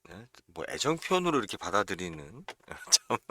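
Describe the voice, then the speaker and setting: A man's voice: on the low side, very animated, moderate pace, pushed and bright. A man from central South Korea, hosting a casual real estate livestream, talking bluntly with frequent fillers and chuckles. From Chungcheong region, South Korea.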